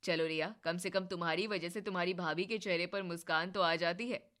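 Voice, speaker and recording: A woman voicing a teasing young husband who scolds his wife, in a low, mock-sulky put-on voice. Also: fairly even intonation, a little fast, a bit bright, close to an everyday voice.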